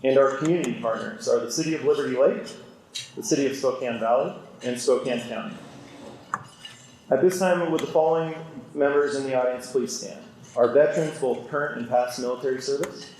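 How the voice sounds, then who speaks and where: Man, podium microphone, event emcee, steady formal announcing, booming hall reverb. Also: brisk, a little hiss or hum. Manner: steady, announcing lists of names. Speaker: chamber of commerce president and event emcee. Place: large indoor event hall. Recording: echoey hall PA sound.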